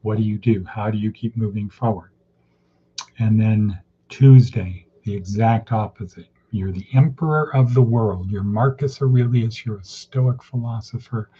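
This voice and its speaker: A man's voice: on the low side, normal speed, dark tone, breathy edge. A man teaching an informal daily class, who often repeats words and asks rhetorical questions. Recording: dull lo-fi with faint noise.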